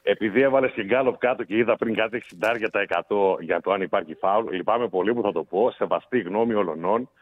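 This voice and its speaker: Lower-voiced male caller on a phone line. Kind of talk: casual phone-in chat.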